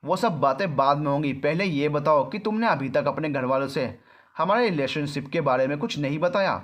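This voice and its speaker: A man's voice: fairly high pitch, fairly quick, lo-fi sound, lightly acted. Man playing an arrogant domineering young man. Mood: angry shouting. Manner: rude, domineering, mocking. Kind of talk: storybook narration.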